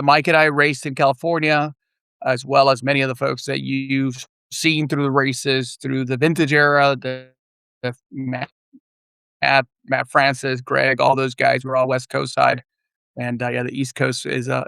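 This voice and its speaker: A middle-aged man from Puerto Rico, a guest on a remote podcast, talking in a measured casual way with many small pauses. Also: mid-range voice, level tone, creaky, pushed and bright, smooth, dry recording. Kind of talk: casual interview chat. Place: remote, virtual studio.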